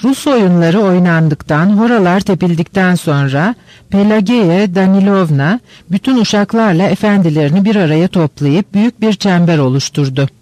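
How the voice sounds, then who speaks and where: A man reads a classic novel aloud as an audiobook narrator, steady and unhurried. His voice sits high for a man. The recording is dry and close, with no room sound. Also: no room sound. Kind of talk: audiobook reading.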